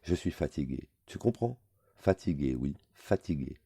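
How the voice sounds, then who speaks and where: A man's voice: extremely low pitch, expressive, moderate pace, creaky, warm tone, breathy edge, no room sound, studio quality, exaggerated voice. A man reading a novel aloud, voicing an aging drunk man who rants with weary, insulting words.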